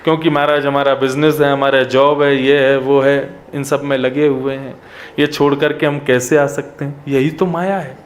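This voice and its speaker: A man's voice: mid-range voice, little pitch movement, moderate pace, a little hiss or hum. A man preaching a devotional sermon, emphatic, with wide swings between raised and dropped phrases. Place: religious gathering at a pilgrimage site.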